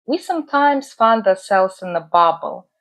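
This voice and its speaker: Talking to camera from her UK home, a woman from Russia shares reflective thoughts with her book channel's audience. Her medium-pitched voice is expressive and fairly bright, and her manner stays earnest and measured, broken by frequent "uh" pauses.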